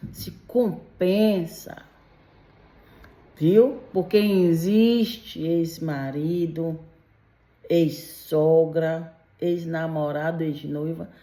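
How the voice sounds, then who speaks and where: Emphatic and admonishing, often using tag questions, a middle-aged Belgian woman vlogs warnings to Brazilian migrants in a direct-to-audience opinion monologue. Her voice is low and a little mellow, and she talks slowly.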